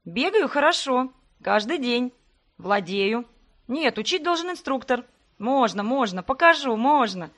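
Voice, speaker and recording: A woman's voice: a little high, expressive, a little slow, a bit bright, pitched above the performer's own voice. A woman voicing a young heroine who jokes in a mock-whiny, playful way. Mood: amused.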